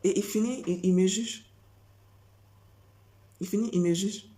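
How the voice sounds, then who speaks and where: Une femme qui prêche sans notes, répète ses phrases et enchaîne les questions rhétoriques avec insistance. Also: female voice, medium pitch, fairly even intonation, measured pace, dark tone. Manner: repetitive, rhetorical questions, emphatic. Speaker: preacher. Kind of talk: spontaneous preaching monologue.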